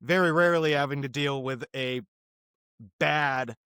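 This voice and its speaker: A man co-hosting a casual sports podcast who reasons through his points in a measured way. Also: medium pitch, a bit bright, clean tone, no room sound, studio quality. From Boston area. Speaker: podcast co-host.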